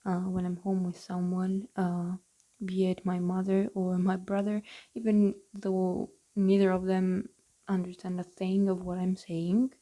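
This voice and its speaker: A young woman murmurs a relaxed voice-over almost under her breath, her tone soft and mellow. She talks in an even, flat way and pauses often with little fillers as she goes. She is recording quietly in her bedroom at home. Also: lowish voice. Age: young adult. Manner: hesitant, with many fillers. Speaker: gaming channel host. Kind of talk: casual voice-over for a building video.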